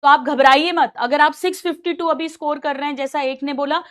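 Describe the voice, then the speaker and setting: A woman's voice: sits high, steady tone, a little fast, fairly bright tone. A middle-aged woman teacher giving a caring, motherly talk to her students, mixing English phrases in and repeating herself for emphasis. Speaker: coaching teacher.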